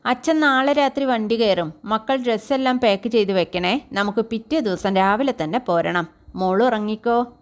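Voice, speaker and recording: A woman voicing a tired working father who speaks softly and reassuringly to his young daughter. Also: a little high, moderate pace, lightly acted. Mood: tender. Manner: soft, affectionate, reassuring.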